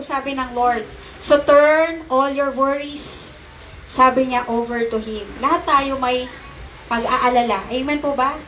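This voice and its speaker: A middle-aged Filipino woman pastor preaching a sermon, calling out to the congregation and slowing down to stress scripture. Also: high-pitched, fairly bright tone, slight background noise. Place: church sanctuary. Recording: echoey hall from far off.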